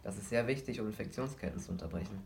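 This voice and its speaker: A man's voice: fairly low pitch, animated, very fast, vocal fry, darkish tone, slight background noise. A man doing a stern, probing father. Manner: firm, probing.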